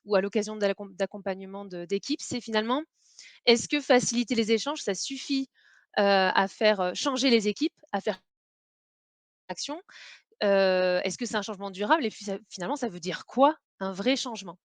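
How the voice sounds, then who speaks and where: A woman presenting a webinar on facilitation in a conversational, hesitant way, often pausing on filler sounds. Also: mid-range voice, dry recording.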